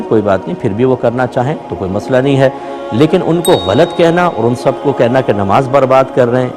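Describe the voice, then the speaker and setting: A man with a mid-range voice speaks as an Islamic scholar, answering a religious question in a measured, explanatory way and working through it point by point.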